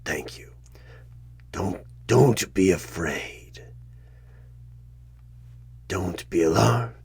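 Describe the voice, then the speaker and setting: In a horror ASMR one-sided audio roleplay, a man plays a sinister demonic tempter posing as a job interviewer. His extremely low, gravelly, breathy half-whisper coaxes with halting, menacing calm, heavily acted and eerily soothing.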